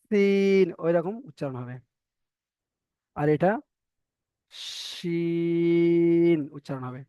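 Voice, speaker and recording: A man teaching the Arabic alphabet in a patient, slow lesson, with a Bengali accent, stretching out each letter sound as he demonstrates it. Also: on the high side, warm tone, clean tone, no room sound, highs cut off. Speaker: Quran reading teacher.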